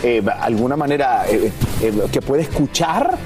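A man's voice: mid-range voice, expressive, measured pace, over music. A man hosting an entertainment news show, presenting stories and chatting with co-hosts. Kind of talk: broadcast presenting and panel chat.

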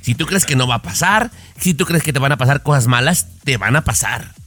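A man's voice: medium pitch, expressive, brisk, fairly bright tone, faint music behind. A man co-hosting a light entertainment talk show, joking and teasing his colleagues. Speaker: co-host. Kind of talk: casual entertainment chat.

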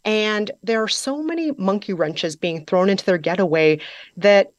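A woman's voice: mid-range voice, normal speed, no room sound, highs cut off. A woman with a Midwestern American accent, a culture critic recommending a movie on the radio with enthusiasm.

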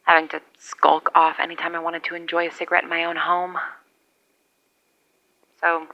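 A woman's voice: fairly low pitch, completely flat delivery, moderate pace. A woman as a wry survivor over CB radio. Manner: rambling, wry, conversational monologue. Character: lone woman survivor years after collapse, wry. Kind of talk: audio drama radio log. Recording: muffled lo-fi radio sound.

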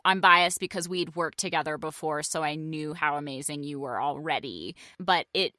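A woman's voice: low voice, pushed and bright, no echo, clean studio sound. A woman hosting a podcast, talking with bubbly enthusiasm and frequent laughter. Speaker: podcast host.

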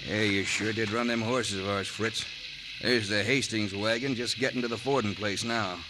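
A man's voice: lowish voice, fairly even intonation, normal speed, noisy background, natural voice. A man playing a wary, folksy henchman with an American Western accent in an old-time Western drama.

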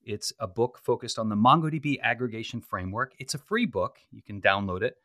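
A man's voice: mid-range voice, brisk, no room sound, studio quality. A man hosting a podcast, chatting casually and pointing listeners to the show notes. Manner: relaxed, chatty, promotional. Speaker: podcast host.

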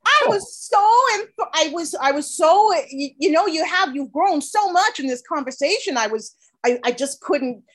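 A woman's voice: high voice, lively intonation, normal speed, few pauses, poor audio. A woman playing an eager female beauty shop receptionist in an improvised comedy scene, sweet and earnest.

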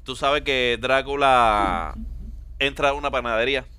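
A man's voice: medium pitch, measured pace, sharp tone, clean tone. A man co-hosting a casual podcast, stalling with lots of "eh"s before telling groan-worthy jokes in a studio booth. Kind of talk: casual comedy podcast banter. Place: radio-style studio booth.

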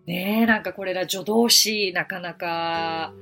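A woman's voice: lowish voice, fairly even intonation, slow, fairly bright tone, soft background music. A woman hosting a podcast lesson as an English teacher, explaining things step by step in a friendly, encouraging way.

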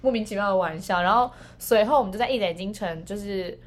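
Fast-talking woman telling a story. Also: mid-range voice. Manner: rambling storyteller with many restarts. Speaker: podcast co-host. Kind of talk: casual storytelling chat.

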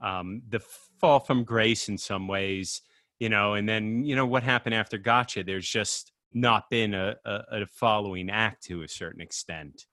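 Male podcast co-host, casual and rambling, lowish voice, dry booth sound. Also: moderate pace, sharp tone, dry recording. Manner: rambling, many fillers and restarts. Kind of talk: casual chat.

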